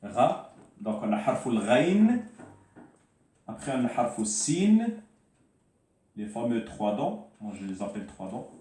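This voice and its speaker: A man teaches Arabic writing in a loose, spoken way, often stumbling and repeating himself before spelling out each sound. His voice sits at an ordinary middle pitch and comes from some way off the mic. The room around him rings with echo. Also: very animated, dark tone, recorded from a distance. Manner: hesitant, repeats words, spells sounds out slowly. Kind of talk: informal spoken lesson at a board.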